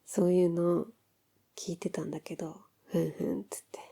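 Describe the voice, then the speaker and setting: A woman playing an affectionate newlywed wife in an ASMR role-play of intimate pillow talk, soft, breathy and musing. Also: lowish voice, little pitch movement, normal speed. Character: affectionate newlywed wife chatting softly in bed.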